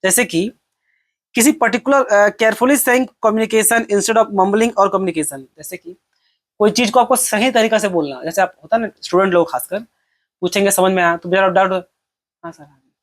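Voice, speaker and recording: A man's voice: high voice, normal speed. Chatty young male exam-prep teacher. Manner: conversational, asks and answers his own questions.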